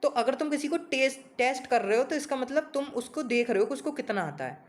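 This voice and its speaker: A man's voice: very high voice, lively intonation, fairly quick. Chatty male tutor coaching vocabulary. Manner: informal and scolding-teasing, calls students "bhai", spells words letter by letter. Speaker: English vocabulary teacher. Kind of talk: casual Hindi-English exam coaching lesson.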